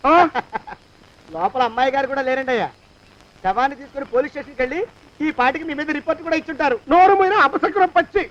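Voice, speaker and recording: An actor playing an excitable, quarrelsome man in a comedy film, exclaiming and bickering in film comedy dialogue. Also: extremely high pitch, fast, dull audio. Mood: excited.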